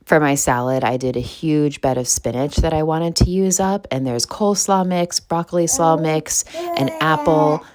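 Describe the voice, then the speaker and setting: Young woman, very deep for a woman, clean smooth tone, casual vlog narration. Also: moderate pace, a little mellow. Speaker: vlogger.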